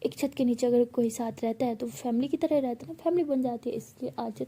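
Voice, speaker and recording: A woman's voice: a little high, brisk, dark tone, slightly rough. A woman voicing a playful, cheeky young college woman who jokes and teases back. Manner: playful, joking.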